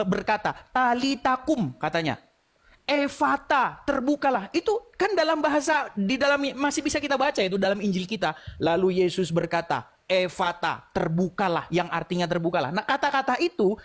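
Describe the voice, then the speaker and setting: A woman arguing in a live debate, pressing her opponent with rhetorical questions and laughing as she argues. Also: on the high side.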